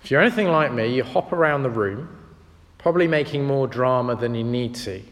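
A man's voice: medium pitch, brisk. A man preaching a sermon, earnest and reflective as he tells stories. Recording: long reverb of a large hall.

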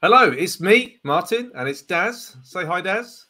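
A man hosting a live church chat show, talking loosely with plenty of fillers and laughs. His voice sits a touch high and sounds crisp and bright. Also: animated, unhurried. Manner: chatty and upbeat, laughs easily, fillers. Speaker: podcast co-host. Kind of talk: casual live-stream chat.

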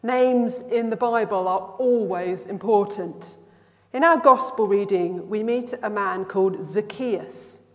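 A woman preaching conversationally at a pulpit microphone in church, speaking to the congregation with deliberate emphasis. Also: mid-range voice, darkish tone. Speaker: preacher, minister leading baptism and confirmation service. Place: large church, amplified. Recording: long church reverb.

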